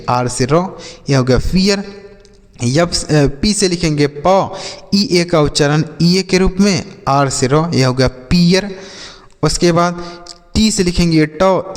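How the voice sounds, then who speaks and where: A man's voice: a little high, long reverb tail. A male teacher giving a classroom-style phonics lesson, calling his viewers children and drilling each rule with repeated questions and answers.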